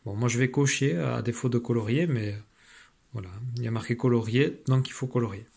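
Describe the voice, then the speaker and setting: A man's voice: medium pitch, a little fast, vocal fry, a little mellow, breathy edge. A man teaching, patiently explaining phonics exercises to parents, with frequent fillers and restarts.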